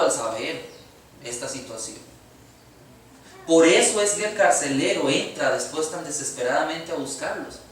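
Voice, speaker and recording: A man's voice: on the high side, fairly bright tone. A man with a Costa Rican accent preaching a sermon as pastor, earnestly posing rhetorical questions to the congregation. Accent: Costa Rican Spanish. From Costa Rica. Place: church sanctuary. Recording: echoey church hall from far off.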